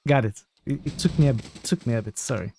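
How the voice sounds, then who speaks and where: A man's voice: mid-range voice, fast, vocal fry, mellow, slight background noise. A man doing casual live game commentary, thinking aloud and putting questions to his chat. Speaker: game streamer.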